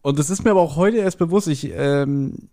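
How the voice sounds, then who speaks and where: This podcast co-host talks a little fast, his slightly high voice carrying a dark tone. He's chatting casually with his co-host as they recap a story from an audio drama episode.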